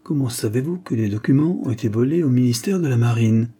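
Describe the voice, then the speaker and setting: A man's voice: medium pitch, animated, quick pace, warm tone, husky. A man voicing a stern, sceptical prefecture secretary who speaks ironically and irritably. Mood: ironic. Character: stern, sceptical older male prefecture official.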